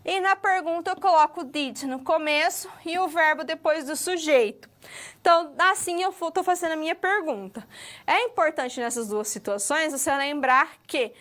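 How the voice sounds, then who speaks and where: A woman's voice: high-pitched, normal speed, fairly bright tone. A woman teacher giving a recorded lecture, explaining patiently, stretching words and often checking understanding. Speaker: English teacher.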